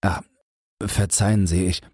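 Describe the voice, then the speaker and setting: Narrator voicing a hesitant, stammering gentleman, very deep breathy voice, unhurried. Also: flat delivery, no room sound, clean studio sound. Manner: hesitant, stammering, politely awkward. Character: shy, embarrassed, politely hesitant man.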